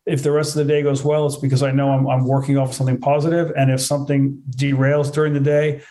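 A man with a dark, relaxed voice at a middle pitch answers interview questions as a trainer. He talks matter-of-factly and repeats key points for emphasis. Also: fast talker. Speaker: fitness trainer, interview guest. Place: remote video call.

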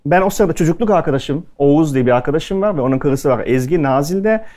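With a highish, dark-toned voice and a quick, animated pace, a man entertains an audience at a culinary event with casual anecdotes. He performs the dialogue of the people in his stories.

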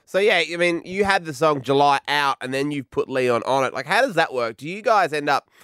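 A man's voice: on the high side, expressive, fairly quick, a bit bright, smooth, no echo, clean studio sound. A man hosting a casual interview, jokey and teasing with his guest. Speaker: radio host interviewer.

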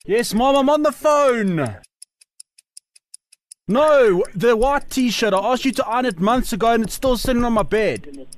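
A man's voice: very high-pitched, expressive, measured pace. A man with a South African accent playing a whiny, exasperated young man in an improvised prank phone call. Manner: exasperated, pleading, repetitive. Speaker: radio prank caller.

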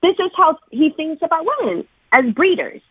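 A woman talking on speakerphone as a guest on a radio call-in show, blunt and incredulous, with quick laughs. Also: sits high, very animated, no echo. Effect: on speakerphone over a phone line. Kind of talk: casual phone chat. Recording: tinny phone-line audio.

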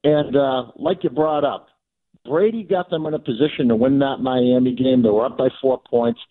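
A man calls a radio show and talks sports over the phone. His voice is mid-pitched, and he is casual and emphatic, repeating his points. The phone line makes the sound thin. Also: moderate pace. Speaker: radio caller.

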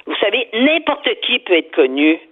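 A woman's voice: on the high side, big pitch swings, moderate pace. A woman giving strong opinions in a radio chat, often repeating words as she searches for them. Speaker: guest commentator. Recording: phone-line sound.

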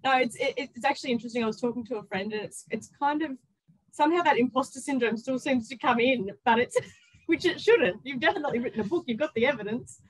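An excited, chatty woman with an Australian accent, telling personal stories casually as an interview guest. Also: high voice, fast talker, husky, poor audio. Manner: excited, chatty, with quoted self-talk. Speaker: interview guest, author and workplace culture consultant.

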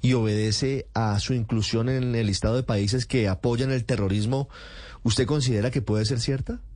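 A man co-hosting a radio interview, asking measured, formal questions. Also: mid-range voice, fairly even intonation, darkish tone, no room sound. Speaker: radio co-host.

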